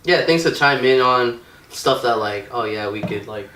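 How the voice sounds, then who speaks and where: A young man co-hosting a casual podcast chat, slangy and quick to laugh. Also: mid-range voice, a little hiss or hum. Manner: animated, laughs a lot, slangy. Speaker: podcast co-host. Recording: echoey room from far off.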